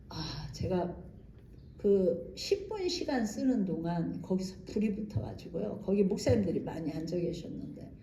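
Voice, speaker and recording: A woman's voice: mid-range voice, dark tone, a little hiss or hum. A woman missionary giving a special lecture at a church, telling stories animatedly with acted-out quotes. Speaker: missionary speaker. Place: church hall. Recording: echoey church hall.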